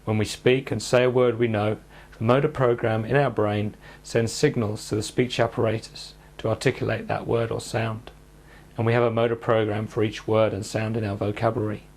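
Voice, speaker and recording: A man calmly guiding listeners through speech therapy exercises in a measured instructional narration. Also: lowish voice. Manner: calm, measured, step-by-step coaching.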